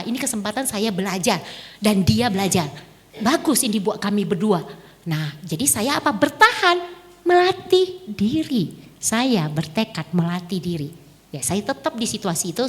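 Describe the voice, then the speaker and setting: A woman giving a lively storytelling talk to an audience, laughing often and acting out the voices in her story. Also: mid-range voice. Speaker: dharma talk speaker. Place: temple hall. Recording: reverberant hall.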